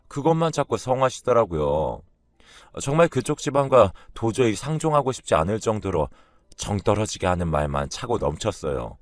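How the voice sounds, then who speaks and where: A man's voice: lowish voice, dry recording. A man narrating a first-person family story in a complaining, resentful tone.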